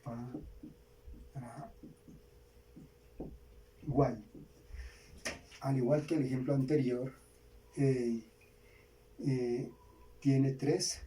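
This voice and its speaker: A Colombian man teaching a grammar lesson, slowly repeating key words for students to write down. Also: mid-range voice, warm tone. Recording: distant mic, faint background hiss.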